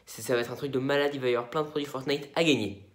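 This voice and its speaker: A man's voice: mid-range voice, steady tone, very fast, reverberant. A young man with a French accent chatting casually while showing his toy collection in an upbeat vlog. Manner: chatty, upbeat, many fillers and asides.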